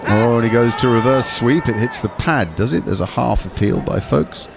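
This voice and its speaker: A man giving measured, explanatory ball-by-ball cricket commentary. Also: medium pitch, creaky, music in the background. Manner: measured, explanatory, with small restarts.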